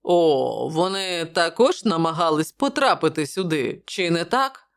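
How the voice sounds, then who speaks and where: A woman voicing a tall, suspicious male gatekeeper who talks in a rough, excited way. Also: fairly low pitch, measured pace. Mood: gruff chatter.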